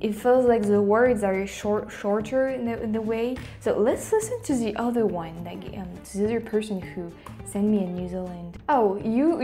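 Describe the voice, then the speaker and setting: Speaking in a medium-pitched voice with a dark tone, a young woman with a French accent records a laid-back vlog chat from a small room. She restarts often and lowers her voice to whispers at times.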